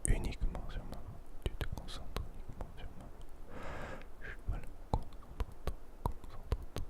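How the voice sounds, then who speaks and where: An ASMR host whispering right up against the microphone in a hushed, soothing, repetitive manner, as if guiding someone to sleep. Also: moderate pace. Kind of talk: whispered French ASMR, slow guided sleep relaxation. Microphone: very close to the microphone.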